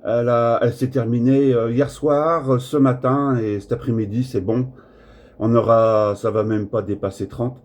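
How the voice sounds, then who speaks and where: A husky-voiced man chats casually as an amateur radio operator in a French radio-contact style, rambling and hesitant at a friendly pace. His voice is medium in pitch and darkish, with a steady tone and moderate pace.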